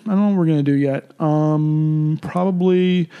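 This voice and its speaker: A man, talking in a loose, rambling way as a podcast co-host. His voice sits a little on the high side for a man, and he fills gaps with ums and uhs. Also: normal speed, clean tone, dull audio. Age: 50s. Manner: relaxed, rambling with fillers. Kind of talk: casual chat.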